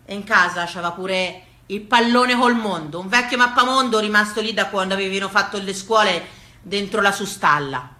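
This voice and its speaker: This Tuscan-accented stage actress tells rustic family memories as a theatrical monologue in an echoey room. Her medium-pitched voice is pushed and bright at a moderate pace, with a folksy, emphatic, rhythmic style.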